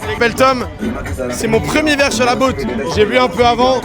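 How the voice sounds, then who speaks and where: A man's voice: extremely high pitch, fairly quick. A drunk man joking playfully with a vlogger at a party. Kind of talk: casual chat. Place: outdoor party boat. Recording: very loud music and crowd.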